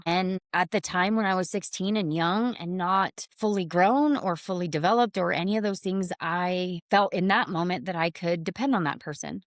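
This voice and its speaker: A woman's voice: lowish voice, no room sound, clean studio sound. A middle-aged woman hosting a podcast, telling a personal story in an earnest, heartfelt, confessional way. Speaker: podcast host.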